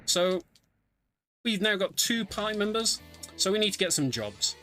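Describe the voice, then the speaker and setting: This speedrunner's voice sits high and swings widely in pitch, sounding pushed and bright at a normal speed. He explains his play live, a little hesitant along the way, while game music plays in the background.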